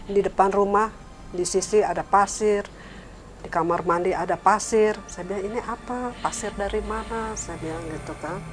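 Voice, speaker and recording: A middle-aged woman recounting a family story in casual talk, raising her pitch when she quotes others and trailing off softly afterward. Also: slight background noise. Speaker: guest telling her story.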